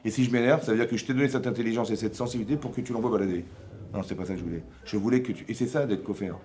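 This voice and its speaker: A man, a rabbi giving a lively Torah lesson to a women's class, acting out imagined dialogues and often checking with his listeners. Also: fairly low pitch, rapid-fire. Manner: conversational, asks listeners for assent.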